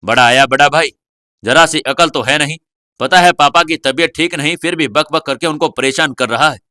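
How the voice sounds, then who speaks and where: A man voicing a teasing, sharp-tongued little girl in an audio story, with bossy, mocking retorts. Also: fairly high pitch, moderate pace, dry recording, studio quality.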